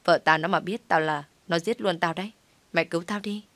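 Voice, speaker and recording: A woman voicing a worried, loyal young man who chatters fast and frets about his friend. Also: fairly low pitch, a bit bright, no echo. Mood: panicked.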